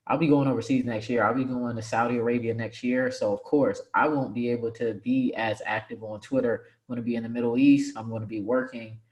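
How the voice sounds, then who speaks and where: A man in his twenties talking casually as an interview guest, relaxed and rambling with lots of "like" and "right?". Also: medium pitch, fairly quick, hardly any pauses, lo-fi sound. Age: 20s. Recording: roomy, echoey room sound.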